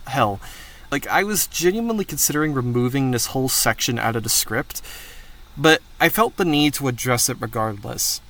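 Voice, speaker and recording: A man talks through his channel's plans in a loose, unscripted way, full of asides and casual swearing. His voice has a bright, forward edge and sits at an ordinary pitch for a man. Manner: candid, frequently profane, rambling asides. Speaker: channel host. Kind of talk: casual channel update monologue.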